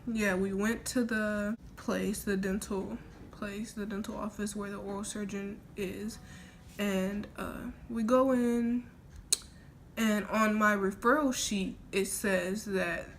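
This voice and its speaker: Young female vlogger, informal and rambling storyteller, sore post-surgery mouth, mid pitch, noisy home audio. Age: young adult. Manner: informal, rambling, quoting herself. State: sore mouth the day after oral surgery. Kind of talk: casual chat, personal story. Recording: noisy homemade recording with room ambience.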